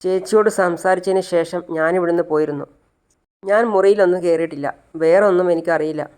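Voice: mid-range voice, steady tone, a little fast, a little mellow, smooth, close to an everyday voice. A narrator voicing a tearful young man who denies taking the money. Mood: pleading. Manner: pleading, denying.

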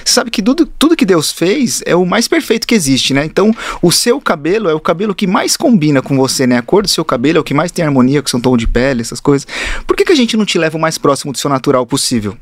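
Male hairdresser, podcast guest: rapid, slangy storyteller, dry sound. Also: fairly high pitch, no echo. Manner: lively, slangy anecdote telling.

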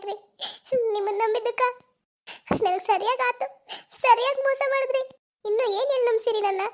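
A voice actor playing a betrayed young village woman with a North Karnataka Kannada accent in a cartoon, sobbing and pleading. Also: brisk. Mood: sobbing accusation. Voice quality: very high, sobbing pleas. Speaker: lover. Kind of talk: cartoon voice acting.

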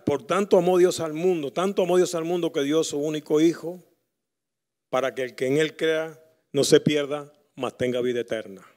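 A middle-aged man preaching a sermon as pastor. He reads scripture aloud, leads a prayer, and swings between loud emphasis and quiet asides. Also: fairly high pitch.

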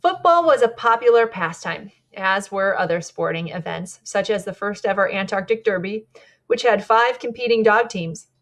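Conversational woman guide giving a talk. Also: mid-range voice. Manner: warm, conversational, with small slips and self-corrections. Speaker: polar expedition guide giving a presentation. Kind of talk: presentation lecture with slides.

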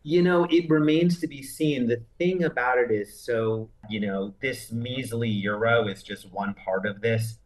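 A man's voice: medium pitch, a little slow, hardly any pauses, low-quality recording. A man in his forties, an entertainment news editor, explains a legal story on a video call in a conversational, step-by-step way with many "you know"s. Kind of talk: remote news interview. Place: indoor room with framed poster behind.

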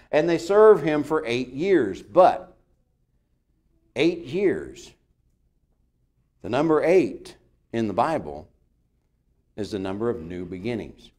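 A man teaching a Bible lesson in a casual, joking way, laughing often. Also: medium pitch. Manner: lively, laughs often, jokes with the room.

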